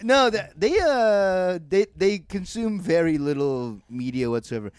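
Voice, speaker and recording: Young male co-host, lively and bouncy pitch, dry close sound, quick to laugh. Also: clean tone, no echo. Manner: animated, laughs often, dry jokey asides. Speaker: podcast co-host. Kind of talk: casual comedic banter.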